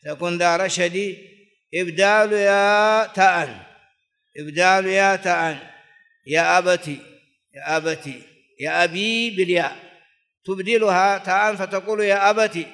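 A man teaches classical grammar in a rather high voice. He goes over each example form again and again and chants lines of old verse. His voice rings on in the long echo of a large hall. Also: fairly even intonation, moderate pace, sharp tone. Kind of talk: classical grammar lesson, explaining and reciting verse.

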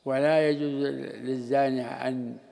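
A man teaching a religious lesson, explaining verses in a measured, even way. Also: medium pitch, smooth. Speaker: Islamic scholar teaching tafsir.

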